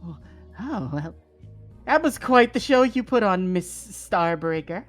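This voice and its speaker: A game master voicing a smarmy, pushy parent who flatters and insists in a tabletop game. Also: medium pitch, unhurried, soft background music, lightly acted.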